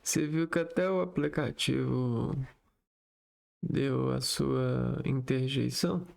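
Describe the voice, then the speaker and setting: A man working through exam exercises aloud, slowly reading out words one by one and thinking aloud. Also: mid-range voice, creaky. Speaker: exam tutor.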